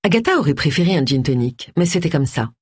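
A woman reads an audiobook with a low, husky voice and a lively, animated delivery. The recording is dry and close, with no room sound. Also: fast, no room sound. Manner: expressive, lively reading. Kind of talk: audiobook narration.

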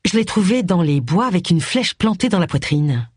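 A woman's voice: fairly low pitch, expressive, moderate pace, a little mellow, breathy edge, no echo, studio quality. A woman voicing a determined middle-aged amateur detective in an audiobook.

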